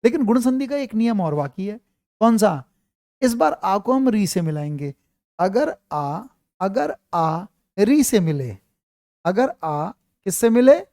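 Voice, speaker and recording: A man's voice: high-pitched, big pitch swings, takes it slowly, mellow, dry recording, studio quality. A man teaching an online grammar class, quizzing his students and repeating his questions.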